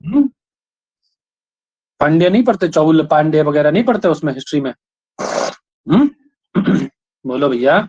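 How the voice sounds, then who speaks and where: Male teacher, slightly high voice, drills students with repeated questions, dull lo-fi recording. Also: lively intonation, a little slow, long pauses, darkish tone, husky. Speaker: Sanskrit grammar teacher. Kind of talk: classroom lesson, questioning students. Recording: dull lo-fi sound.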